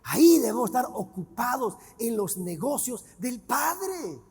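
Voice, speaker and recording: A male pastor preaches emphatically, firing questions at the congregation and shouting key words. His voice is high and gravelly with slow, deliberate pacing. It rings out in a church with a long reverb. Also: big pitch swings. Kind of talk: sermon.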